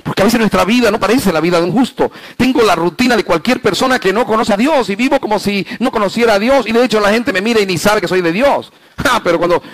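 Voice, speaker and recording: A male pastor preaching a sermon in a fairly high voice. He swings from loud, high emphasis down to hushed, low passages, and he keeps asking the congregation rhetorical questions. The sound is close and dry, with little room echo. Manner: slows down to stress key phrases.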